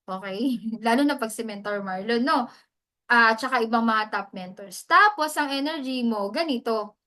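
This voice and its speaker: A woman coaching in a loose, chatty way, her voice bright and forceful and set a little high. She drifts easily between her own language and English, as if talking over a video call. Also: moderate pace. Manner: chatty, mixes English into Tagalog, often adds "mens". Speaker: hosting mentor. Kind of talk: casual teaching talk.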